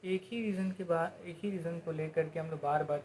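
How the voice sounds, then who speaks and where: A man giving a casual motivational talk. He explains with everyday examples and rhetorical questions, and switches into slower, deliberate English phrases. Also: fairly high pitch, a little mellow, a little hiss or hum. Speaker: motivational speaker.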